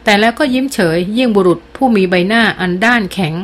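A woman's voice: a little high, fast. Woman narrating an audiobook. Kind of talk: scripted narration.

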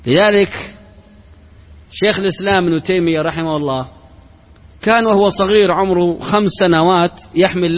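High-voiced sheikh lecturing in a hall. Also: male voice. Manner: rhetorical questions and parables; mixes formal Arabic with colloquial. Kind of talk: religious lecture. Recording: reverberant hall, dull lo-fi sound.

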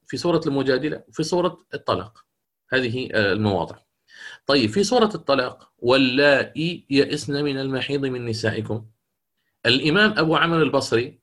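A man's voice: mid-range voice, fairly bright tone. Man teaching Quran recitation rules. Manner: explanatory, repeats key phrases, chants verse examples slowly. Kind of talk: lecture on Quranic readings.

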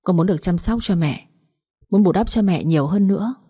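A devoted young daughter in an audiobook love story, soft and comforting, as a woman reads her. Her voice is mellow and breathy. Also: lowish voice, brisk. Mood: tender.

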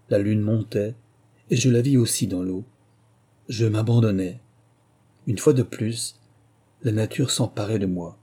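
A man narrating a literary short story in a slow, measured, lyrical manner. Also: fairly low pitch, mellow, breathy edge.

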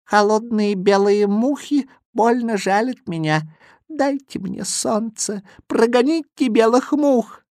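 Man doing a high pleading little boy. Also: slow pace, darkish tone, dry recording, clean studio sound, full character voice. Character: small shivering boy begging for help.

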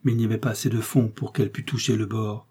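A man reading a classic novel aloud as an audiobook narrator, measured and steady. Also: on the low side, breathy edge. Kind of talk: scripted narration.

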